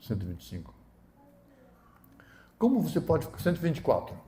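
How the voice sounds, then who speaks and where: A man delivers a fervent sermon in a somewhat high voice. His delivery rises into loud, emphatic bursts, then falls back into low, confiding remarks. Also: wildly swooping pitch, brisk. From southern Brazil. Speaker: pastor.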